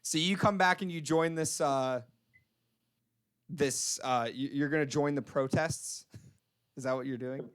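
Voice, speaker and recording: A man's voice: on the high side, measured pace, pauses often, fairly bright tone, clear, resonant tone. A man narrating a tabletop role-playing game as game master, laughing often and talking with many fillers and restarts.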